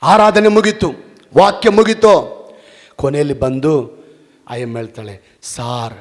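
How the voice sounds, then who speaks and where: A male pastor preaching a sermon, fervent and shouting, with repeated exclamations. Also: fairly high pitch, sing-song, unhurried. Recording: long reverb in a hall.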